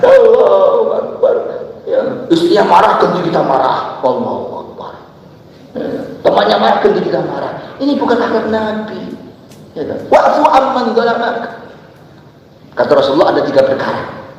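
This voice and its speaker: Lively man preaching, shouts then drops soft, lots of booming reverb, sounds far from the mic. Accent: Indonesian. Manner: swings from shouted emphasis to soft asides, rhetorical questions. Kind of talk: dawn sermon to a gathering. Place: large hall with long reverb. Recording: echoey hall, voice from far off.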